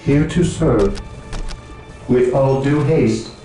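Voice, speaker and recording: A man voicing an obedient cyborg builder unit, with a robotic processed voice and flat, mechanical replies. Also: mid-range voice, slow pace. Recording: echoey game audio over loud music.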